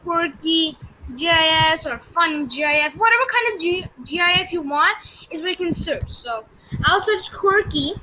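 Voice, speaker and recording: Super high-pitched bright woman doing a chill tech how-to, chatty and giggly, lots of fillers, faint hiss and clicks. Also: expressive, normal speed, rough recording. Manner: giggly, breaks into fits of laughter. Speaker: tech tutorial host. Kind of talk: casual screen-recorded tutorial.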